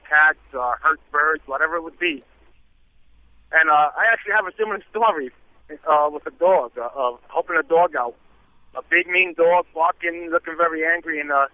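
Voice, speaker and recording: A man's voice: fairly high pitch, dry recording. Man on a clipped phone line. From Brooklyn, New York. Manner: relaxed, many "uh" pauses. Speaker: radio call-in caller. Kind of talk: casual call-in storytelling. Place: in a vehicle on the highway.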